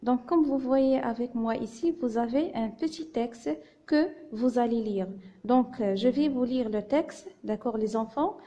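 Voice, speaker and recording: Moroccan woman as primary teacher; slow, careful syllable-by-syllable reading lesson. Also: fairly high pitch, dark tone. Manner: spells out syllables and letter sounds patiently. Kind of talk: slow phonics lesson to young children.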